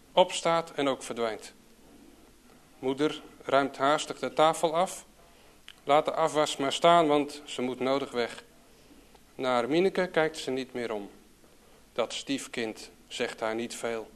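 A man reading a children's story aloud in a calm, even storytelling manner. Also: medium pitch, smooth. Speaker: narrator.

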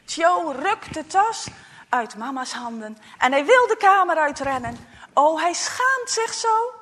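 Slow, hushed woman telling a children's story. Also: high-pitched, in a large hall. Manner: soft, often hushed to a whisper, expressive.

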